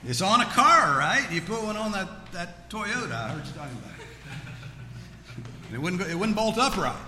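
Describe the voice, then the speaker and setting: Teaching scripture folksily and with joking asides, this Bible teacher has a high-sitting, sharp voice with big pitch swings at normal speed. The session includes audience questions, held in a large, echoey room whose recording picks up background noise.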